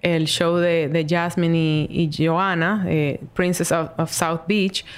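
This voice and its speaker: A woman's voice: fairly low pitch, flat delivery, slow, clear, resonant tone. A woman with a Dominican Caribbean Spanish accent, chatting casually as a podcast host.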